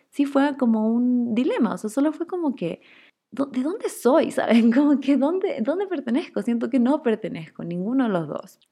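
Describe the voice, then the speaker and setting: A young woman telling a personal story in a chatty, expressive way, full of fillers, as a casual vlog. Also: mid-range voice.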